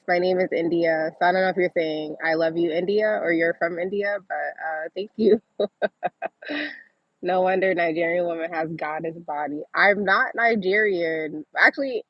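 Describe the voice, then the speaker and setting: On a relaxed livestream, a woman from Massachusetts reads out comments from viewers and responds informally, chatting and frequently laughing. Her voice sits on the low side. There's no room sound, and the high frequencies are cut off.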